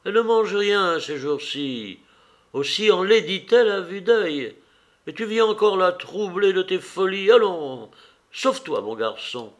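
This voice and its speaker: Brief: male narrator voicing an older princess mother, bossy, scolding, raised pitch. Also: lively intonation, unhurried. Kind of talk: audiobook character voice.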